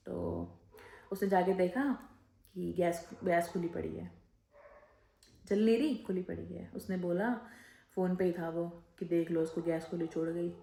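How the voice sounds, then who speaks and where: Animated woman vlogger, echoey home room. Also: lowish voice, gravelly. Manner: animated storytelling, mimicking others in quotes. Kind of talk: casual storytelling vlog. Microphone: phone held in hand.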